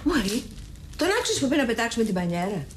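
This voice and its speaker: A woman's voice: fairly high pitch, big pitch swings, over music. An actress playing a bossy, scolding woman at home in a television drama.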